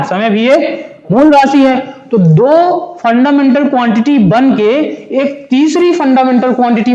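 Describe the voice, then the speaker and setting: In a muffled, reverberant recording, a man with an extremely high-pitched, darkish voice teaches a physics class. He works through the material step by step, poses questions and answers them himself, and switches between Hindi and English terms.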